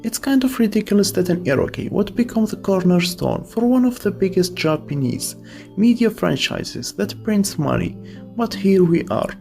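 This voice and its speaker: Faint music sits beneath a scripted video essay narrated by a man whose voice is fairly high, creaky and mellow. As host, he slips in casual asides along the way.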